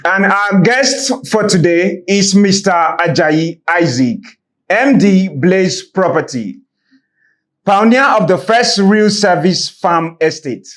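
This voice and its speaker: A man's voice: high voice, slow pace, fairly bright tone. A man with a Nigerian accent hosting a show, formally introducing people and putting questions to a guest. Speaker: show host.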